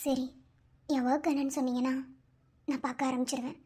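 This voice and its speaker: A woman voicing a guarded young woman doctor in an animated cartoon, speaking quietly and curtly. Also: high voice, brisk, breathy edge. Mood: cold.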